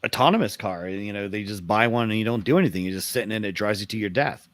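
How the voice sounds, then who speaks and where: Low-voiced wry podcast co-host. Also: male voice, fast, a bit bright. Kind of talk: casual car chat.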